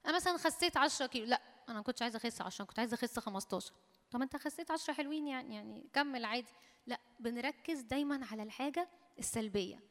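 Fast-talking Egyptian woman preaching. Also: on the high side. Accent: Egyptian Arabic. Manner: lively, quick, conversational teaching. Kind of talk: sermon. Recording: hall reverb.

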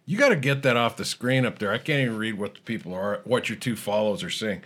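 A man filling in as host of a casual comedic chat show, talking in a dry, deadpan monotone. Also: fairly low pitch, quick pace, noisy background. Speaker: fill-in host.

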